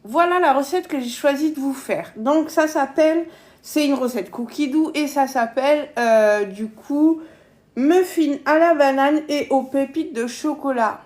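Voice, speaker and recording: Sitting high and a little mellow, this woman's voice moves unhurriedly. She's from the south of France, speaks with a southern French accent, and hosts a casual home-kitchen cooking stream, chatting and laughing often with viewers.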